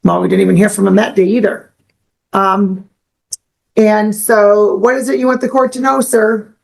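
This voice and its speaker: A woman's voice: mid-range voice, steady tone, normal speed, vocal fry, darkish tone. A young woman judge speaking firmly and stating procedure in court. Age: young adult. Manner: firm, stern, procedural.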